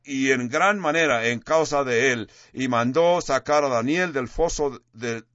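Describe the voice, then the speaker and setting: Male preacher, emphatic sermon delivery with slow drawn-out words; dry, dull lo-fi recording. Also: mid-range voice, a bit bright, no room sound. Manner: emphatic, stretches key words slowly. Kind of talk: sermon with dramatic scripture reading. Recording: dull lo-fi sound.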